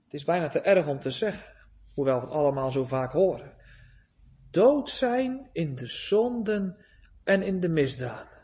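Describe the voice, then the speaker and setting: A man preaching a sermon, solemn and pleading, with long pauses and rising emphasis. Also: fairly high pitch, expressive, darkish tone.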